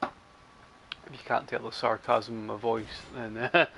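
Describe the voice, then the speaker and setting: A man's voice: mid-range voice, slow, gravelly, fairly bright tone, a little hiss or hum, rough recording. Chatty man streaming a game. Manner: rambling, chatty, dry sarcastic asides. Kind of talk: live gameplay commentary.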